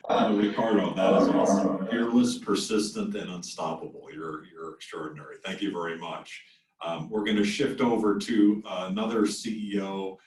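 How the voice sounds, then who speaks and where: A man's voice: deep voice, fairly even intonation, moderate pace, a little mellow, a little hiss or hum. A man hosting a webinar, introducing guests in an enthusiastic, praising way. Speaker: webinar host. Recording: roomy, distant from the mic.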